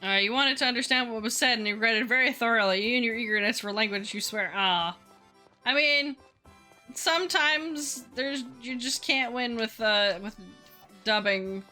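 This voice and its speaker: A young woman streaming a game in casual chat, her voice worn and hoarse, reading chat aloud and swearing now and then. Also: a little high, normal speed, sharp tone, soft background music.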